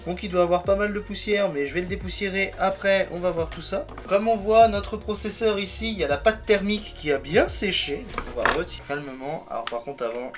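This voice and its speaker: A man's voice: sits high, brisk, few pauses. Male vlogger, casual tech teardown, chatty and self-correcting, faint music bed. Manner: rambling, self-correcting, fond of "donc". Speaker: tech video creator. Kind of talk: casual hands-on tech vlog.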